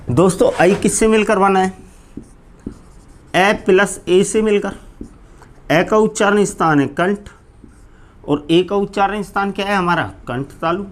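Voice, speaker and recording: Higher-voiced man teaching Hindi grammar. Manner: asks questions and answers them himself; keeps repeating "friends" to address students. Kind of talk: live online exam-prep lecture.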